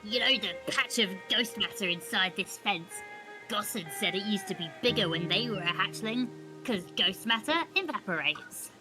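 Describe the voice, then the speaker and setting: A woman voicing a playful little alien child who is eager, pleading and excitable as it reads game dialogue. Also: medium pitch, moderate pace, lightly acted, rough recording. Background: game music.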